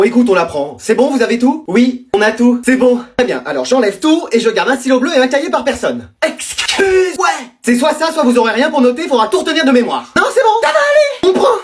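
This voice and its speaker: A performer in short French comedy sketches, trading quick teasing dialogue among school and family characters. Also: medium pitch.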